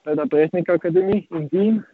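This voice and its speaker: This young man is a nineteen-year-old tennis player from Austria, hesitant in his interview answers and leaning on repeated filler words. He speaks fairly quickly in a husky, slightly high voice. There's no echo, but the line sounds tinny, like a phone.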